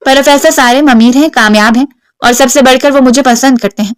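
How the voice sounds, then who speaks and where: A proud, stubborn young woman who fires back sharp, defiant answers, read by a woman narrator. The voice is fairly high, smooth and clear, with a dry studio sound. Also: no room sound, natural voice.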